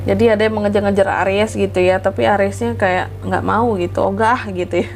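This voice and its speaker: A woman's voice: mid-range voice, fairly even intonation, brisk, a little hiss or hum. A woman hosting a casual tarot horoscope reading, chatty and informal, speaking directly to listeners with a congested, nasal voice from a blocked nose and flu. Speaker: tarot reading channel host. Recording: music behind the voice. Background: background music.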